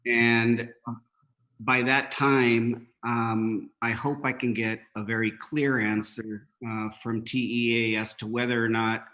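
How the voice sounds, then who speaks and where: Halting man reporting at a board meeting. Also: mid-range voice, a bit bright, rough recording. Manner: halting, many fillers and restarts. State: hiccups. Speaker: school district superintendent.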